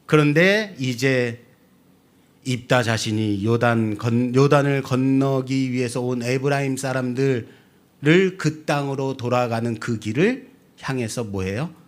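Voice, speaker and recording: A man, a pastor, preaching a sermon, asking the congregation questions and swinging between loud emphatic lines and quiet drops. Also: medium pitch, a little slow.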